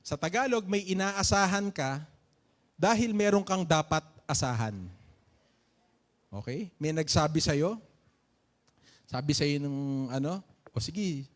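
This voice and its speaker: Filipino male pastor, sermon, chatty and joking, keeps asking the congregation "okay?", voice on the high side. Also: a little slow, long pauses. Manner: conversational, often asking "okay?" and "di ba?"; playful with jokes and laughter.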